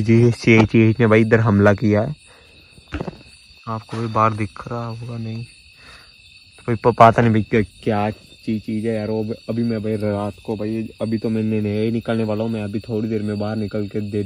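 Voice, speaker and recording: A young man in his twenties, with a lowish and slightly mellow voice, records a solo camping vlog by holding his phone at arm's length in a night forest and inside a small tent. Nervous, he stammers and restarts words, and a little hiss or hum runs underneath.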